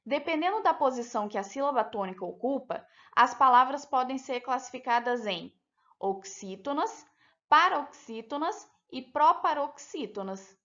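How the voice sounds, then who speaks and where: A woman teacher with a Brazilian Portuguese accent, talking children through a lesson with slow, clear, deliberate pronunciation. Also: high-pitched, expressive, bright, forceful tone. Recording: dull lo-fi sound.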